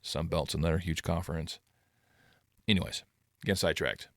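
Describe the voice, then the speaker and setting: A middle-aged man hosting his own sports channel, rambling casually in a self-described monotone. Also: low-pitched, normal speed, creaky, dry recording, studio quality. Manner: rambling, self-deprecating, calls himself monotone. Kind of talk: casual commentary vlog.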